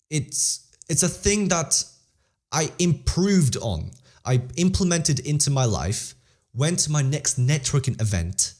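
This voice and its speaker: A teenage boy appearing as an interview guest speaks in a mid-range, slightly mellow voice. He's earnest and motivational but casual, often repeating phrases and restarting sentences. He's bilingual in Polish and English, with English the stronger language.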